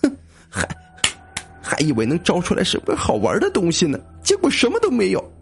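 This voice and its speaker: A man voicing a hot-tempered male student who snaps, shouts and huffs. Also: high-pitched, huge pitch swings, a little fast, gravelly, slightly rough, soft background music, pitched above the performer's own voice, full character voice. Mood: angry. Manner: snappish, shouting and huffing.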